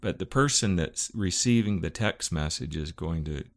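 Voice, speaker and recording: A middle-aged man co-hosting a marriage podcast in casual chat, easygoing and halting, with fillers and restarts. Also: deep voice, lively intonation. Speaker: podcast co-host.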